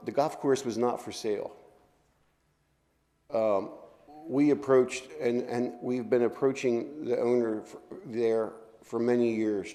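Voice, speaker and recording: A man's voice: mid-range voice, mellow. A man on a city council responding to public comments in a plainspoken, defensive way.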